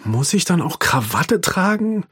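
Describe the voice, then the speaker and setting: A pushy seven-year-old boy who whines and begs in a high, eager voice, as a man reads him in a storybook. The voice stays husky underneath and the recording sounds dry and close. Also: very animated, unhurried, fairly bright tone, dry recording, full character voice. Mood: pleading. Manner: high, eager, whining pleas.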